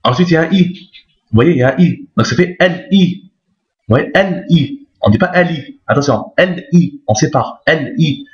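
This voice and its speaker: A man's voice: a little high, animated, normal speed. A man teaching a recorded lesson in a patient, repetitive way, often checking that his listeners follow. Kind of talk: recorded Arabic alphabet lesson. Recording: roomy, dull lo-fi sound.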